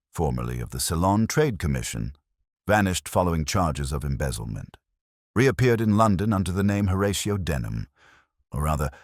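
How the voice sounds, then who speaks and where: A male narrator heavily acts a cool, incisive Victorian detective from a storybook mystery, speaking in a very low voice that rises and falls in animated sweeps. His delivery is formal, deliberate, and accusing, like someone commanding the room. The audio is clean studio sound with no room tone.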